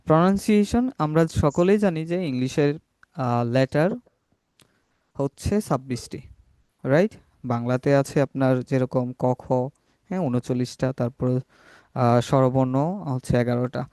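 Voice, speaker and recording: A Bangladeshi man teaching English pronunciation in an online class, slowly modelling sounds and often checking that the class is following. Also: mid-range voice, a little mellow, clean tone, no echo, clean studio sound. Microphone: laptop or video call mic.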